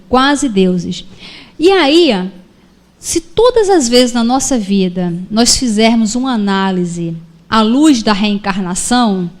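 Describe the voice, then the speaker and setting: A woman from Rio de giving a spiritist lecture, telling stories and acting out dialogue. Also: fairly high pitch. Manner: animated storytelling with acted dialogue. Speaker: spiritist speaker. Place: lecture hall of a spiritist center.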